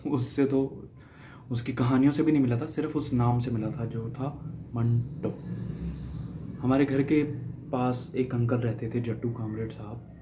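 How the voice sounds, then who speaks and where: Unhurried and mid-range, with fairly even intonation, a young guest reader from Haryana, India, tells a casual personal story against background noise. He recalls how a writer shaped him, pausing for small laughs and restarts.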